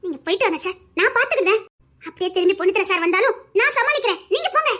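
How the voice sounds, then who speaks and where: A kind female police constable from an animated story, voiced by a woman, reassuring and obliging, with a Tirunelveli accent. Her voice is very high and quick. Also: heavily acted. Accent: Tirunelveli Tamil.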